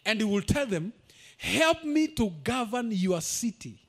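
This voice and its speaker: A man preaching a sermon as pastor, emphatic and building to shouts, with asides in Swahili. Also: high-pitched, big pitch swings, measured pace.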